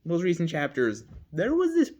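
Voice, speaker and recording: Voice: mid-range voice, huge pitch swings, moderate pace, a little mellow. A fandom video creator talking off the cuff in a rambling, giggly way, correcting themselves often and breaking into laughter. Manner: rambling, giggly, lots of self-corrections and asides. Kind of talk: casual rambling commentary.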